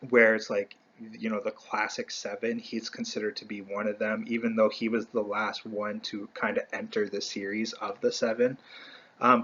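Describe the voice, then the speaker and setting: Man, low voice, casual ranking commentary, rambling, self-correcting, dull lo-fi recording. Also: a bit bright, slightly rough. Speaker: fan video host.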